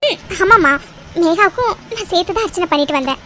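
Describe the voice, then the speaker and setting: A woman's voice: very high-pitched, lively intonation, brisk, fairly bright tone, a little hiss or hum. A woman voicing a tearful cartoon mother. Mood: calm. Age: middle-aged. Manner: insistent, emotional. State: crying. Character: grieving mother, hopeful and tearful. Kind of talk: cartoon drama voice acting.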